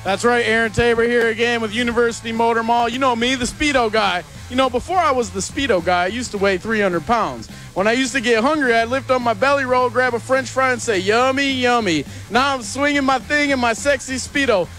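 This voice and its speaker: A man's voice: very high voice, fairly quick, hardly any pauses, fairly bright tone, soft background music. A man acting as a car dealership spokesman, with boastful, jokey ad patter. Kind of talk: comic ad patter.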